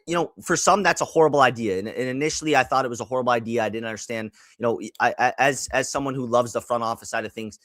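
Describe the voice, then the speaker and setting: A man's voice: mid-range voice, quick pace, hardly any pauses, a bit bright, dry recording. A man from Canada, a sports writer and podcast host, talking basketball in a casual chat, restarting his sentences often.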